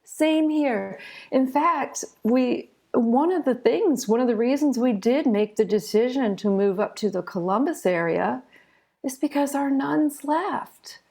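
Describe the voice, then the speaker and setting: A middle-aged American woman, a children's author and illustrator, answers interview questions chattily and informally, weaving in stories as she explains. Her voice sits high and is animated and a little slow, with vocal fry and a darkish tone.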